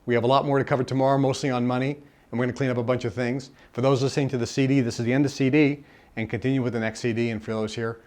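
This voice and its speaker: A man's voice: medium pitch, little pitch movement, very fast, a little mellow. A man speaking at a live self-help seminar in a conversational way, repeating phrases for emphasis.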